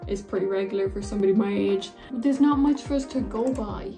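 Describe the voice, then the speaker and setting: A woman's voice: medium pitch, fast, warm tone, faint music behind. A woman in her twenties casually gossiping and giving opinions in a reaction vlog. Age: 20s. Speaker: reaction vlogger.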